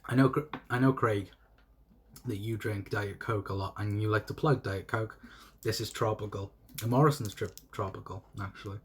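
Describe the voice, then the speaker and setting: Reading chat on a solo fan livestream, a young man with a South Welsh accent rambles, repeats himself, and stays friendly with commenters. His voice is fairly low at a moderate pace, with a little hiss or hum present.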